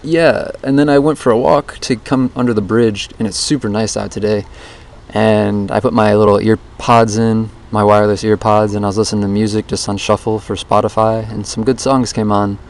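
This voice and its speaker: This outdoor dictaphone clip has a vlogger casually rambling through an introspective daily challenge diary under a bridge. His voice is on the low side, level in tone, at a normal speed. Background noise comes through the handheld recorder.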